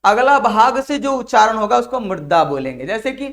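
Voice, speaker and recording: High-voiced Hindi grammar teacher drilling students. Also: male voice, big pitch swings, normal speed, fairly bright tone. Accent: Bihari Hindi. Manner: drills students with repeated questions and answers; addresses viewers as dear children. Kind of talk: exam-prep lesson.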